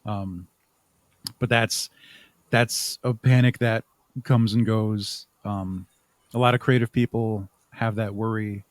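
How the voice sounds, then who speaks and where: A podcast guest who works as a haunt makeup artist and creates audio dramas speaks in a lowish, steady voice at a slow pace, with no room sound. He is casual and reflective in the interview, sometimes searching for words.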